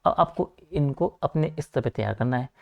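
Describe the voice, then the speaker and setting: Gravelly young male coaching teacher. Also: mid-range voice, expressive, a little mellow, muffled recording. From Uttarakhand, India. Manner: talks fast, repeats filler like "theek hai" and "aapka". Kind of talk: online lecture, informal asides to students.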